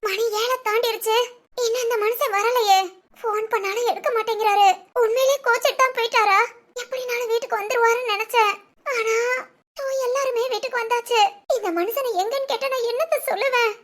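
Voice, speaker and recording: A woman voicing a shrill worried cartoon mother. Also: fairly even intonation, a little fast. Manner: anxious, hushed pleading. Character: worried middle-aged village mother. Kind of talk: animated family drama dubbing.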